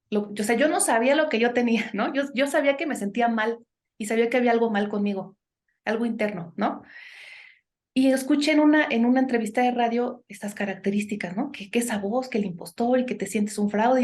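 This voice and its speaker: A woman's voice: a little high, a little mellow. A woman, a guest in a conversational podcast interview, giving earnest advice and often tagging her sentences with questions and "este" fillers. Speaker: guest speaker on impostor syndrome.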